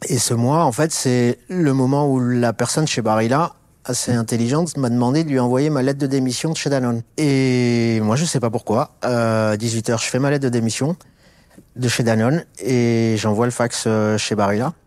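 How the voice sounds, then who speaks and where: In a conversational interview, a middle-aged Alsatian business executive speaks as the guest, his story full of fillers and restarts. He talks at normal speed in a mid-range, slightly mellow voice with fairly even intonation, and the audio has no echo.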